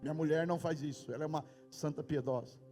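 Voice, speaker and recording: Brief: Brazilian male pastor, high voice, emphatic sermon, long hall reverb. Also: fairly even intonation, quick pace. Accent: Brazilian Portuguese. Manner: emphatic preaching with sudden loud outbursts. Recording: reverberant hall with faint music. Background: faint music.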